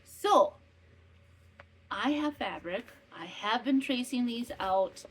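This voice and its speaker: A husky, fairly high voice, expressive and slow, belongs to a podcast host and maker in her fifties from northwestern Wisconsin, who chats casually at home with asides and self-corrections. The rough recording carries the faint hum of a fan running in summer heat.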